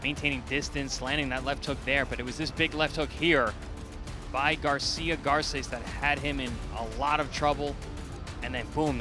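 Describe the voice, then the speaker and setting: A man giving live boxing commentary as an analyst, stressing key phrases by repeating them. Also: mid-range voice.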